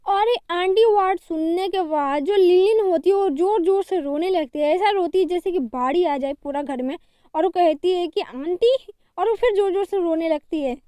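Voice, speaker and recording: A woman retells a drama's story in a fast, chatty recap. Her voice is very high yet mellow. It is close and dry. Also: no room sound.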